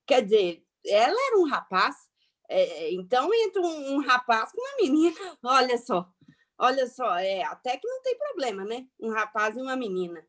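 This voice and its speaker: A woman's voice: on the high side, sing-song, normal speed, a bit bright. A woman acting a flustered, self-righteous middle-class matron in a hammy dramatic reading, theatrical and emphatic, repeating herself as she rambles. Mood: indignant, flustered. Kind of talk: dramatic reading, satirical monologue.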